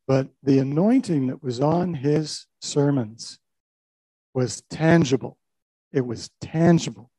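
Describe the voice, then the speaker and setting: An older Canadian pastor shares a personal testimony, telling it reflectively as a story with small restarts. His medium-pitched voice has a warm tone, though the recording is dry and the audio is poor.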